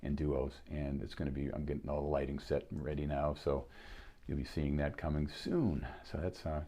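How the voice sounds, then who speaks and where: A man's voice: a bass voice, level tone, normal speed, dark tone. A man in his sixties with a Boston accent, hosting a solo piano live stream and chatting casually between tunes, rambling with many fillers and restarts.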